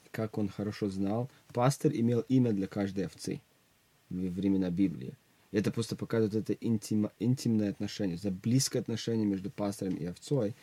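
A man's voice: fairly low pitch, mellow, slightly rough, no room sound. A young man speaking as a guest youth minister in an interview, earnest, often restarting his words. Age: young adult. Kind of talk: religious interview talk.

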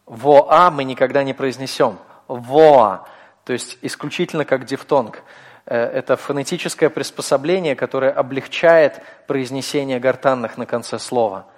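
A man lecturing to a class, patient and explanatory, pausing often with small hesitations. His voice sits at an ordinary middle pitch and carries a long reverb from the hall around him. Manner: patient, explanatory, with frequent fillers. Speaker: teacher.

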